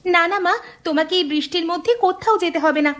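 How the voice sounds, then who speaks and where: A woman's voice: very high voice, fairly even intonation, fast talker. A woman voicing a dutiful young village daughter in a cartoon, eager and obliging. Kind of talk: cartoon voice acting. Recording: cartoon soundtrack with loud music.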